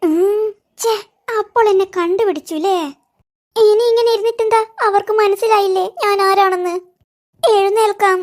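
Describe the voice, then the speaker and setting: A performer voicing a jumpy, easily scared middle-aged auntie in a cartoon, muttering to herself. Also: female voice, extremely high pitch, fairly even intonation, moderate pace, soft background music. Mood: scheming. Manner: muttering to herself, then wailing in fright. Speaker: cartoon character. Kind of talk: cartoon voice acting.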